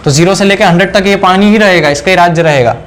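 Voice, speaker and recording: A man teaching a whiteboard science lesson, asking questions and answering them himself, repeating key terms slowly. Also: high-pitched, fairly bright tone. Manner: mixes in English phrases, repeats key words slowly. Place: indoor room.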